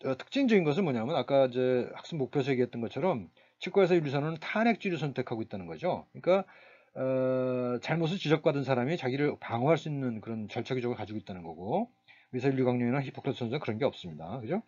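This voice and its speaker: A man giving a recorded university lecture, speaking haltingly with many fillers and restarts. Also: medium pitch, expressive, a little mellow, dull audio.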